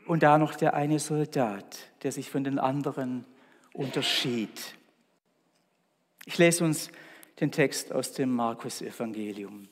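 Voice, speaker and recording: A man preaching a Good Friday sermon and reading scripture in a solemn, slow, deliberate way with weighty pauses. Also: medium pitch. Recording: long church reverb.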